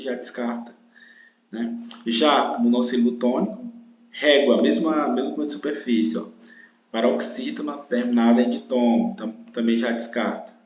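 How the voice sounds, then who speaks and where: A man with a Brazilian Portuguese accent, a teacher patiently explaining a grammar exercise and drawing out words syllable by syllable. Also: medium pitch. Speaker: online exam-prep teacher. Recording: roomy, dull lo-fi sound.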